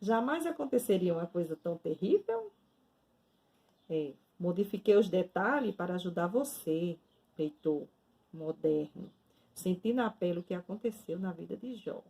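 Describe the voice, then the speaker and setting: A woman, a nun giving a devotional, telling a story in a slow, dramatic second-person way. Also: lowish voice, mellow, breathy edge, poor audio.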